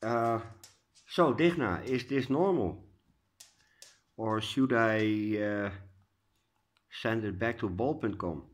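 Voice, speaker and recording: A man with a lowish voice and a Dutch accent talks slowly, leaving long pauses, in a casual update filmed indoors at home. He's an orchid vlogger from the Netherlands who sounds slightly stuffy and congested and hesitates with many uh's.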